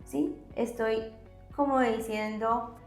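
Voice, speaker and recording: A woman psychologist explaining concepts on a podcast, teacherly, often checking in with a quick question. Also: fairly high pitch, steady tone, echoey room, soft background music. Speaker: psychologist guest.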